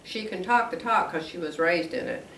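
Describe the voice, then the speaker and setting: Chatty and quick to laugh, this devotional host is a woman in her sixties whose lowish, fairly bright voice moves at a moderate pace, a bit wheezy from allergies. Standing at a lectern in a room with a quilt backdrop, she's recorded by a far-off camera, giving a roomy, distant sound with slight background noise.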